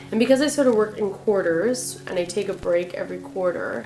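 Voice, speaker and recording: Sick, raspy-voiced woman vlogging casually. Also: medium pitch, reverberant. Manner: chatty, rambling, self-correcting. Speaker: author and vlogger. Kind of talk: casual writing vlog talk.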